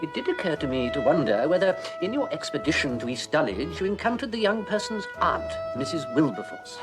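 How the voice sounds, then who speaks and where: A formal, unflappable gentleman's valet in a period television drama. His measured delivery is fairly high and rises and falls in lively curves. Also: over music.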